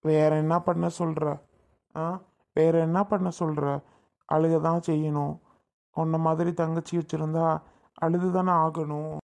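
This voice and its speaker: A woman acts out a hurt, tearful elder brother in a family comedy skit, his voice low and gravelly. He pleads and sulks, taking every word to heart. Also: flat delivery, measured pace, long pauses, darkish tone. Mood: hurt pleading. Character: emotional grown man, a doting elder brother.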